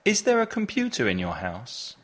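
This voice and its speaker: A man's voice: mid-range voice, huge pitch swings, measured pace, fairly bright tone. A man hosting a podcast lesson, teaching vocabulary and patiently prompting the listener to repeat words after him. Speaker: language teacher and podcast host. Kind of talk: slow, deliberate English lesson with drills.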